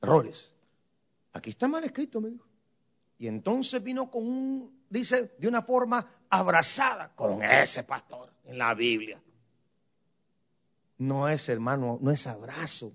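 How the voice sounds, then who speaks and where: High, lively male preacher, muffled recording. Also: takes it slowly, creaky. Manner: preaching with rhetorical questions and repeated refrains. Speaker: pastor and seminary teacher. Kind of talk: sermon.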